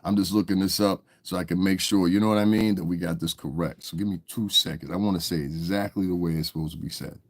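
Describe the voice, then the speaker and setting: Speaking fast with few pauses, this man has a low-pitched, steady voice and a stuffy cold. He rambles through casual livestream commentary aimed directly at his viewers, frequently checking with "you understand".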